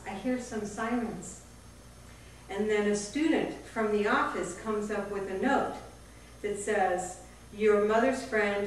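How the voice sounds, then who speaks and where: A woman's voice: medium pitch, recorded from a distance, a little hiss or hum. Storytelling woman in a very echoey room. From Miami area. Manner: vivid storytelling, acts out quoted family members. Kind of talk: personal storytelling performance.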